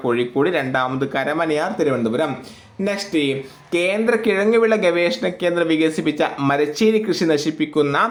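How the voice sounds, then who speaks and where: A man teaching an exam-prep lesson, reading each question and answer twice and urging listeners to remember them. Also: a little high. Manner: informal, addresses listeners casually. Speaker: exam coach. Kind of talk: current affairs quiz lesson.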